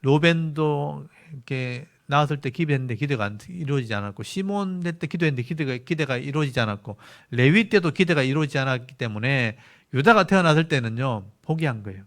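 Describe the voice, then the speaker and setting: Korean pastor with a Gyeongsang accent. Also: male voice, mid-range voice, expressive, a little fast. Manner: explains patiently, repeats key words for emphasis. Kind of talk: Bible lecture sermon.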